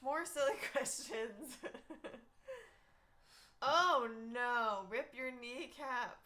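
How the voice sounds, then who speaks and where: A woman's voice: high-pitched, extremely slow, bright, forceful tone. Giggly young woman telling stories. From Texas. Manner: giggly, chatty storyteller. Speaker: youth ministry host. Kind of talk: casual livestream chat.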